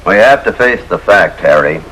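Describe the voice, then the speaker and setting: 1950s sitcom dad, middle-aged, mild and fussy, lively pitch, old TV hiss. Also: male voice, normal speed, poor audio. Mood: earnest. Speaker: father. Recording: old TV soundtrack with faint hiss.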